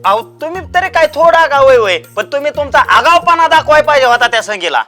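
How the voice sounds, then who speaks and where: A man's voice: very high voice, sing-song, a little fast, pushed and bright, soft background music, heavily acted. A man with a rural Marathi accent playing a scheming village man who wheedles and eggs two women into a fight, in a comedy sketch. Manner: wheedling, egging others on. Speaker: village troublemaker.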